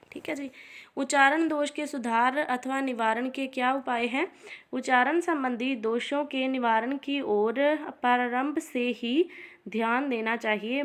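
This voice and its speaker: A woman. She reads points off in a steady run of lists. She breaks the lists with short "theek hai ji" asides. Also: a little high. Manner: steady list-reading, frequent "ठीक है जी" asides. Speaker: teacher. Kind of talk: exam revision lecture.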